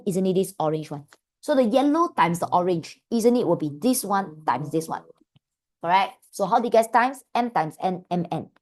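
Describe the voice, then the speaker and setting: A woman's voice: fairly low pitch, darkish tone. A woman with a Malaysian accent teaching an informal revision lesson step by step as a maths teacher, chatty and full of rhetorical questions and tag particles.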